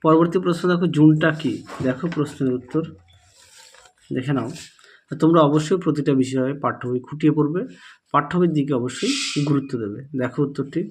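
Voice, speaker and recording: A man with a slightly high voice speaks at a quick pace, teaching students in Bengali as he walks through exam answers step by step. He addresses them directly, repeating his instructions in an instructive, repetitive way, with slight background noise.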